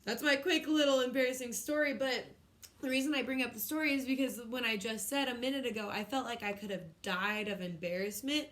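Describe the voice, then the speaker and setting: A young woman teaching a recorded class lesson, her voice sitting a little high. She talks in a chatty, storytelling way and speaks straight to the kids. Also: a little fast, fairly bright tone. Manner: chatty, storytelling with acted-out quotes.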